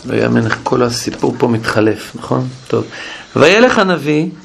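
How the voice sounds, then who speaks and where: A man's voice: medium pitch, creaky, background noise. A man teaching a Bible study class, explaining with questions and frequent restarts. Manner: questioning, animated, with many restarts.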